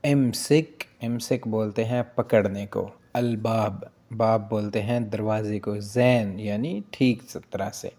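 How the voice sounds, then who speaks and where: A man leads a casual language lesson in a soft, dark-toned voice. He moves at an unhurried pace, repeating each phrase and checking in with "ठीक है जी" as he goes. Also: lowish voice, fairly even intonation. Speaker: language teacher.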